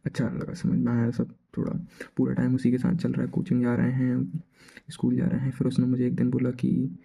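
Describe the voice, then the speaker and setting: A man's voice: medium pitch, monotone, fairly quick, vocal fry, mellow, breathy edge. A young man casually telling a personal story, chatty and slangy, acting out the dialogue as he goes.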